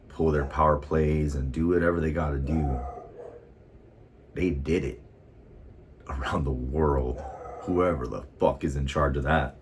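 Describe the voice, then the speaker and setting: A man's voice: rumbling low, slight background noise. An American man vlogging in a casual monologue, swearing often as he rambles heatedly. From United States.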